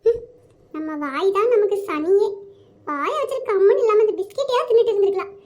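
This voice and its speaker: A whiny kindergarten boy, squeaky and quick. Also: darkish tone, muffled recording. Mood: grumbling. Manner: complaining, self-pitying grumbles. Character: whiny little boy in kindergarten, cheeky and sulky. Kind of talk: cartoon family comedy.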